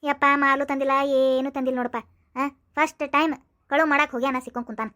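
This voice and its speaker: A woman's voice: sits high, steady tone, a little fast, bright, forceful tone. A rambling cartoon mother of two thieving sons, voiced by a woman. She speaks, fussing and prodding her listener with little "aa?" asides. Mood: explaining. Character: fussy middle-aged mother of thieving sons. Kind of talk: cartoon voice acting.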